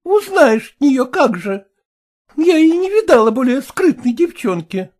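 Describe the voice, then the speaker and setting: A woman voicing an exasperated middle-aged mother who defends herself and tries to calm her husband, in an audiobook reading. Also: sits high, a little slow. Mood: defensive. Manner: defensive, pleading.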